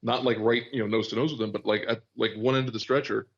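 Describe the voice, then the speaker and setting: A man's voice: medium pitch, fairly even intonation, fast talker, lo-fi sound. A man co-hosting a medical podcast, talking in a rambling, casual way with lots of fillers and swearing. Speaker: podcast host, paramedic.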